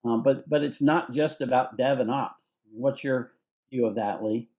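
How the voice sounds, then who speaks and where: A man's voice: mid-range voice, measured pace, muffled recording. A man hosting a conversational discussion, eagerly affirming his guest before adding his own views. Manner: affirming, enthusiastic interviewer. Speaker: company CEO and host.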